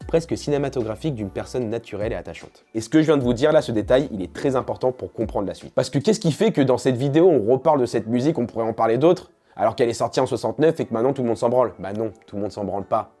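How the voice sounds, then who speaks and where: Slangy, animated young man, dark voice. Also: mid-range voice, racing, few pauses. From France. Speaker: YouTuber. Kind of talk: casual vlog talk.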